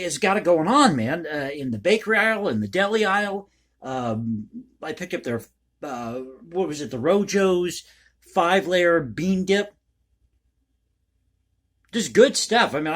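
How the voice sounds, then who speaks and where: Man, somewhat high pitch, casual vlog monologue, ad-libbed, rambling, folksy. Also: big pitch swings, unhurried. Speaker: online video host and commentator.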